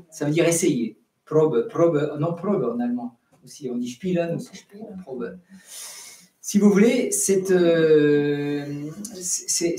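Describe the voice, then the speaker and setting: A man's voice: fairly high pitch, dark tone. A middle-aged man, an Orthodox priest giving an unscripted catechesis talk, full of restarts and sung-out example syllables. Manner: many restarts and fillers, sings out syllables as examples. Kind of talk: spontaneous teaching talk. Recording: roomy sound from a distance.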